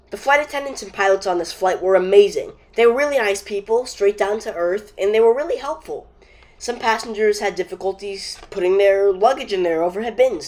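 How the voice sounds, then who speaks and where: Woman narrating a travel review. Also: mid-range voice. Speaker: trip report vlogger.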